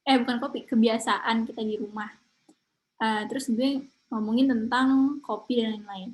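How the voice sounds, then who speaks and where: Young woman, slightly high voice, casual online English teacher, chatty. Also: fairly even intonation, normal speed, poor audio. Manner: chatty, mixes English words into Indonesian.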